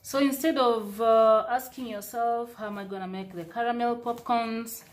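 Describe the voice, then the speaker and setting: A woman's voice: a little high, steady tone, moderate pace, roomy sound. A young woman co-hosting a home cooking vlog, speaking straight to her viewers and mixing Swahili into her English. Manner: addresses viewers as "guys", mixes Swahili into English. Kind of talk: casual cooking demonstration. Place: home kitchen, indoors.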